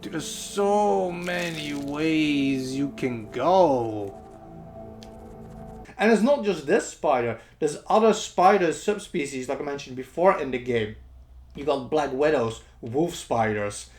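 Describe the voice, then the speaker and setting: Guy with a highish voice doing casual game commentary, slangy and expressive, bit of music behind him. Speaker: video game player and reviewer. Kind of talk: casual let's play commentary with review remarks.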